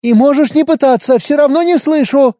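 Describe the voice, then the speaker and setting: A man narrating an audiobook and voicing a feisty, quick-tempered young woman. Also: sing-song, no echo, clean studio sound, full character voice. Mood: snappy. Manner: sharp, high retorts.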